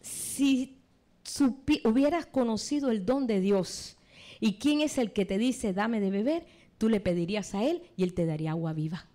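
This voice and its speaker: A woman preacher voicing Jesus, a calm adult male teacher, in measured scripture quotes. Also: a little high, lightly acted.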